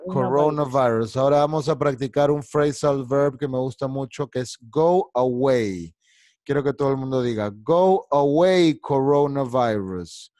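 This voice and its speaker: Male online English teacher, slow drilled phrases, quick asides, mid-pitched, dry close sound. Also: steady tone, darkish tone, no echo.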